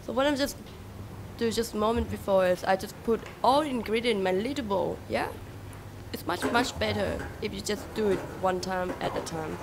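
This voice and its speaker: A woman's voice: medium pitch, moderate pace, vocal fry, noisy background. A young woman chef, explaining ingredients in simple, upbeat English on a cooking show, recorded on a camera mic with music behind. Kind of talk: casual cooking-show chat.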